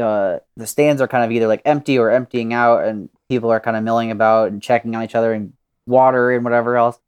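A young man co-hosting a podcast, brainstorming a story in a rambling, excited way with plenty of swearing. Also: on the low side, smooth. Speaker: podcast co-host.

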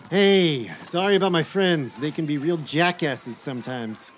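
An actor playing a friendly, easygoing dad in a scripted comedy, chatting casually and approvingly. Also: male voice, fairly high pitch, expressive, measured pace. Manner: casual, complimentary. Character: friendly dad and stadium announcing coordinator, easygoing. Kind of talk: scripted screen comedy acting. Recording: light crowd and background noise.

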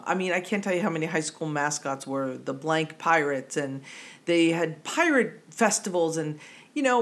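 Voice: medium pitch, a bit bright. A podcast co-host with a New Jersey accent in casual, digressive chat who laughs easily.

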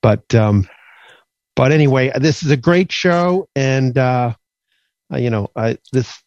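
A man calling in to a radio show, talking enthusiastically but haltingly, with many fillers. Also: medium pitch, animated, a little mellow, no room sound, highs cut off. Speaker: caller. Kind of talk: call-in radio chat.

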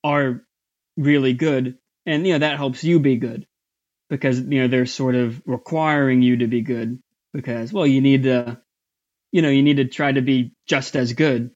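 A man guesting in a casual interview about his voice acting work, talking in a halting way with many fillers and restarts. His voice is somewhat high. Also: fairly even intonation, darkish tone, dull audio. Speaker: voice actor guest.

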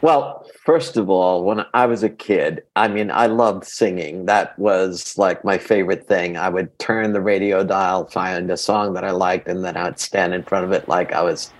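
This interview guest, an actor raised in Queens, New York, from early childhood and a native Greek speaker, recounts personal stories conversationally. His low voice has fairly even intonation and a moderate pace, with few pauses.

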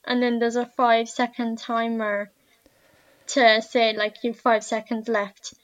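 A woman's voice: on the high side, completely flat delivery, measured pace, fairly bright tone, no echo. A woman with a west of Ireland accent, a podcast guest giving informal explanations in an interview.

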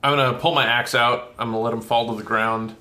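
A man's voice: mid-range voice, fairly even intonation, fast talker, bright, forceful tone, echoey room. A man playing in a tabletop role-playing game, casual and joking, swearing freely. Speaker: player. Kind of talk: casual play talk.

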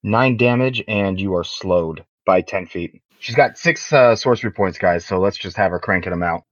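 Player: man with a very low voice, eager and quick, dull lo-fi dry sound. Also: no echo. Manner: quick, eager spell planning. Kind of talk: casual tabletop game play.

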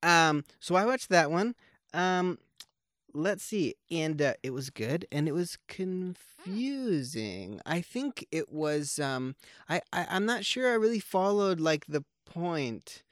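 A man's voice: fairly high pitch, sing-song, slow, fairly bright tone, dry recording, studio quality. A man co-hosting a podcast, chatting casually and joking about films while rambling with many fillers and restarts. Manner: joking, wry. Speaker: podcast co-host. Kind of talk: casual conversational film chat.

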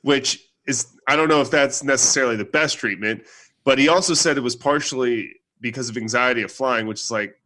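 Man, podcast co-host, bright forceful voice, easygoing, laughs a lot. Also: mid-range voice, brisk. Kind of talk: casual sports chat.

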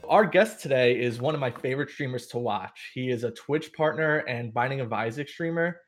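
A man's voice: mid-range voice, fairly quick, faint music behind. A young man hosting a podcast, opening with a read intro and then asking casual questions. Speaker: podcast host. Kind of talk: podcast interview.

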